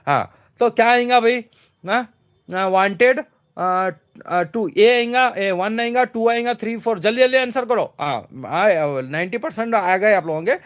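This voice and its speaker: Man, high pitch, teacher, repetitive question-and-answer, lots of fillers, slow word-by-word English reading. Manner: repeats questions and answers them himself, many fillers; slows to read English lines word by word. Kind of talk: exam question walkthrough.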